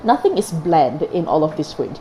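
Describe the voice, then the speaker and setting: A woman's voice: deep voice, very animated, normal speed, warm tone, slight background noise, rough recording. A woman giving a thoughtful comment in a class presentation. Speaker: student presenter.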